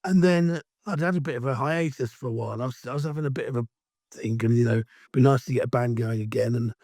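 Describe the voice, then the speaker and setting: Croaky middle-aged man with an Essex accent. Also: mid-range voice, fast talker, dry recording, studio quality. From Essex, England. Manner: rambling, chatty, self-styled loudmouth. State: croaky, allergy-hoarse voice. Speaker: guest. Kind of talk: casual interview chat.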